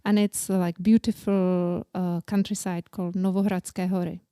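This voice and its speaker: Mellow-voiced woman with a Czech accent. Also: lowish voice, little pitch movement, smooth, no echo, clean studio sound. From Czech Republic. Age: 40s. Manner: halting non-native English, plain and earnest. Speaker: guest. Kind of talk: casual interview.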